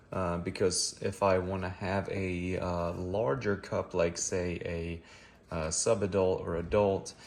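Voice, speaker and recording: A man with a fairly deep voice walks through a do-it-yourself project. He talks casually, like a hobbyist showing his work. Background noise is clearly audible in the recording. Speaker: hobbyist maker and vendor showing a DIY build. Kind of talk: casual spoken build walkthrough.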